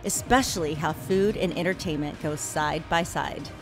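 A woman narrating a scripted voice-over as the host of a show, in an upbeat, clear delivery. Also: deep voice, normal speed. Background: music.

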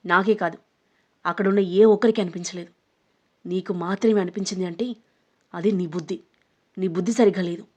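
A woman's voice: lowish voice, little pitch movement, fast talker, slightly rough. Woman voicing a scared, defiant young woman. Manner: sharp, shouting, pleading. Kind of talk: storybook narration.

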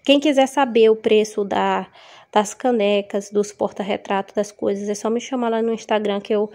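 Chatty Brazilian woman, mellow voice. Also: mid-range voice, fairly even intonation, moderate pace. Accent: Brazilian Portuguese, São Paulo. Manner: chatty, addresses viewers as gente, upbeat. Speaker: vlogger selling gift kits. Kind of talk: casual show-and-tell vlog. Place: home.

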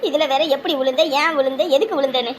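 Woman acting as a shrill old grandmother, very high voice, wailing, complaining, comic sketch. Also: fast, a little hiss or hum, natural voice. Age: older. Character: whining old grandmother faking a leg injury.

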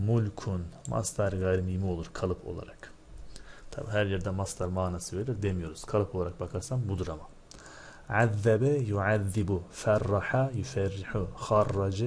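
A man's voice: on the low side, a little mellow, slight background noise. A male teacher in a recorded lesson going over exam answers, explaining step by step and often asking rhetorical checking questions. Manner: recites word forms in a drilled, chanting rhythm.

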